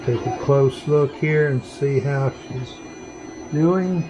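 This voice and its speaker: Slow-talking man demonstrating in a workshop. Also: medium pitch, noisy background. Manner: slow, plain step-by-step explaining while working. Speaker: maker running a 3D print farm. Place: workshop full of 3D printers.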